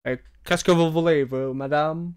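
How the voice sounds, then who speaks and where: A man's voice: fairly high pitch, steady tone, moderate pace, noisy background, lightly acted. A man voicing a cocky male fighter in superhero cosplay, talking down to his opponent in a tabletop game. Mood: smug. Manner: smug, condescending taunting.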